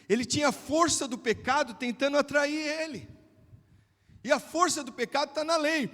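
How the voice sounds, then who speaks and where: A man with a Brazilian Portuguese accent, preaching a sermon as pastor and swinging from hushed tones to shouts. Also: very high voice. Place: church hall. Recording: long church hall reverb.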